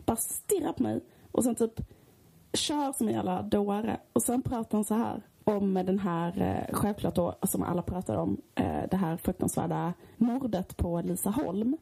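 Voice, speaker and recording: Husky, gravelly woman chatting. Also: medium pitch. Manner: animated storyteller, chatty with fillers. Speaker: podcast co-host. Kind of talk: casual chat.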